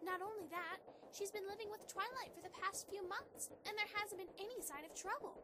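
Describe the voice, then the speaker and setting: A woman's voice: very high-pitched, fairly quick. A woman playing an affectionate, playful young married pony princess in an amateur audio drama, earnest and sweetly coaxing. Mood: earnest, reassuring. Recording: clearly noisy amateur microphone recording.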